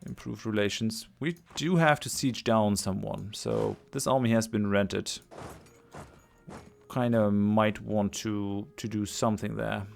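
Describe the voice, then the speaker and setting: A man's voice: on the low side, steady tone, a little slow, vocal fry, a little hiss or hum. A man commentating a strategy game as he plays, thinking aloud, hesitant, with many fillers and restarts, his voice tiring. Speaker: let's play host. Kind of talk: casual gameplay commentary.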